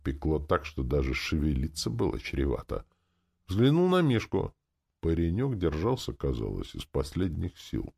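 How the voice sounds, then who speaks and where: Very deep, gravelly male voice, lively pitch, calm first-person audiobook narration. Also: moderate pace.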